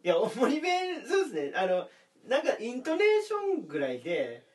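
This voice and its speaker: A man's voice: extremely high pitch, huge pitch swings, fairly quick, far from the mic. A man in his thirties from Aomori with a faint Aomori intonation mixed with Nagoya traces, a comedian rambling through stories in casual podcast chat and laughing often. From Aomori, Japan. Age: 30s. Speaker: comedian co-host.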